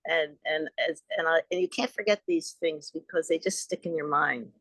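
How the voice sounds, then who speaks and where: A woman's voice: sits low, moderate pace, fairly bright tone, dry recording. Older new lady telling stories, kinda rambling, earnest, dry sound. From Long Island, New York. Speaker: guest, author. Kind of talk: storytelling in an interview.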